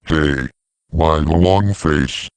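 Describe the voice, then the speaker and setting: A man voicing scripted dialogue for an animated story about talking machines. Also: very deep voice, drawn-out words, clean tone, no room sound. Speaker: voice of talking siren characters.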